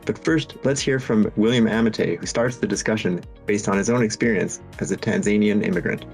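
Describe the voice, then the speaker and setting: A man hosting a medical podcast, smoothly reading a scripted introduction. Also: lowish voice, fairly quick, darkish tone, faint music behind. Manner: smooth, read-from-script delivery. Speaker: podcast host.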